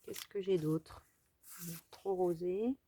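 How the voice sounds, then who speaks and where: A woman's voice: on the low side, slow pace, warm tone, slight background noise. A French woman chatting casually as she walks through a crafting tutorial, thinking aloud with trailing fillers. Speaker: crafting video host.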